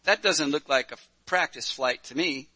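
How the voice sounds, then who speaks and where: A puzzled young woman nurse, as a male preacher puts her on, questioning what she sees. Her voice is raised and bright. It is recorded close and dry. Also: fairly high pitch, normal speed, husky, no room sound.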